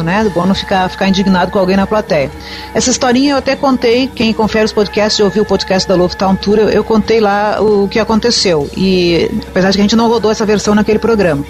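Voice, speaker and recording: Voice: medium pitch, brisk, soft background music. A podcast host telling a story in casual chat, often paraphrasing what was said. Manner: storytelling, retelling events with quoted lines.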